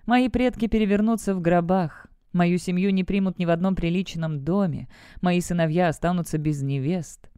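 A woman voicing a gruff, commanding noble father in an audiobook. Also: on the low side, moderate pace, dark tone, no echo, studio quality, lightly acted. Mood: stern. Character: stern noble father, a high-ranking guard, gruff. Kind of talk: audiobook character voice.

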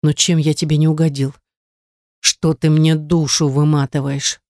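A gruff young man with a short temper barks his orders in a growling voice, as the audiobook narrator puts him on. His voice is recorded dry and close. It is a storybook reading. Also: medium pitch, flat delivery, moderate pace, a little mellow, no room sound, lightly acted. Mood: softened. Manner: growling, commanding. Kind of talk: audiobook dialogue.

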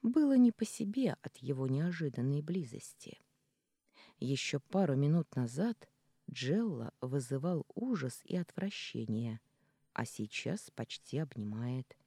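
An audiobook narrator reading a first-person novel in an expressive, dramatic manner. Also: medium pitch, measured pace, husky, dry recording.

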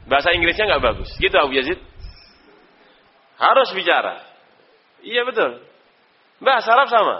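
A man's voice: high-pitched, very animated, normal speed, pauses often. Male Arabic teacher, Indonesian accent, quizzes students by name, lo-fi dull sound. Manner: calls on students by name, quizzes them, chuckles. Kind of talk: live online Arabic class. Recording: dull lo-fi recording.

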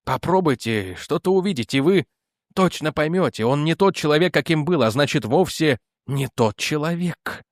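A man's voice: expressive, moderate pace, dry recording, clean studio sound, close to an everyday voice. A man reading aloud as a firm, persistent male investigator who presses his argument. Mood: pressing. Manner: firm, pressing, lowered in pitch.

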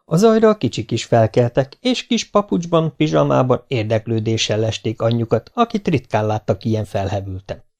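A man reading a children's novel aloud as an audiobook, in steady storytelling narration. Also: medium pitch, few pauses. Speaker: audiobook reader.

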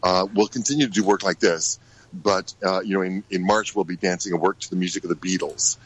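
Low-voiced man, halting and thoughtful. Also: fairly even intonation, slightly rough, poor audio. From United States. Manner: halting, many fillers and restarts. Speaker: ballet director. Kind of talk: radio interview guest.

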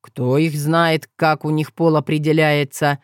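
A woman's voice: low voice, lively intonation, a little slow, no echo, studio quality. A woman voicing a bewildered, athletic young man who talks bluntly in slang.

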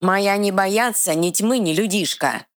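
Woman voicing a gruff male troll in broken speech. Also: medium pitch, a little slow, pitched above the performer's own voice, natural voice. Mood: defiant growl. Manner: ungrammatical broken phrasing.

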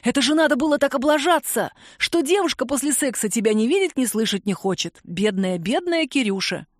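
A woman's voice: sits high, expressive, fairly quick, no echo, clean studio sound, voice pushed up. A woman voicing a teasing, cynical young man who mocks his friend at the office, in an audiobook. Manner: teasing, mocking.

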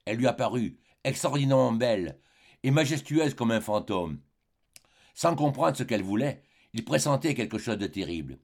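A man narrating a literary audiobook in a measured, dramatic way, with short phrases and pauses. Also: mid-range voice, lively intonation, darkish tone. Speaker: audiobook reader.

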